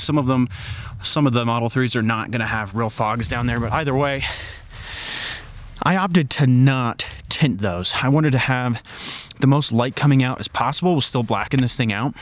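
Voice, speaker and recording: A man talks his way around a parked car outdoors in bitter cold, breathing a little hard. He chats loosely with plenty of filler words. His voice sits at a middling pitch. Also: fairly bright tone. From Colorado. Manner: chatty, loose, lots of "like" fillers. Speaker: car vlogger. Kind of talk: casual walkaround vlog. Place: outdoors beside a car in freezing weather.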